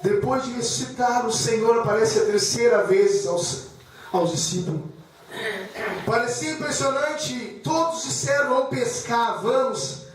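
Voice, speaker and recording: High-voiced man preaching in echoey hall. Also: lively intonation, a little slow, slight background noise. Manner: emotional, repetitive, addresses congregation as brothers. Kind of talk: sermon with personal testimony. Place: church hall. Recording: echoey church hall from far off.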